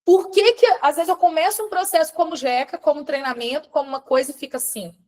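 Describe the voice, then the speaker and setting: A woman from Brazil running a live-stream coaching talk, animated, calling on viewers by name and shifting between soft asides and loud stresses. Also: sits high, fast. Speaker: relationship coach.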